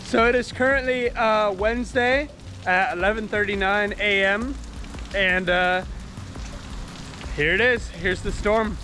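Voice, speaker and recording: A man's voice: high voice, a little slow, pushed and bright. A man vlogging casually outdoors in wind and rain, raising his voice over the weather as he gives storm updates. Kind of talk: casual vlog talk to camera.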